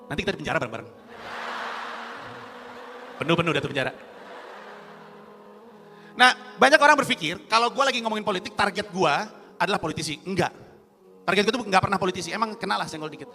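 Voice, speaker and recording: Male stand-up comic, high gravelly voice, animated, voices his characters, reverberant hall. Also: quick pace, long pauses, slight background noise. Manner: animated, acts out other people's voices. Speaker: stand-up comedian. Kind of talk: stand-up comedy routine. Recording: long hall reverb, faint ambience.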